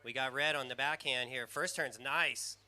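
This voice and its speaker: A man with a squeaky surfer voice calls a live surf contest at normal speed, excitable and rambling as he names riders by their jersey colors.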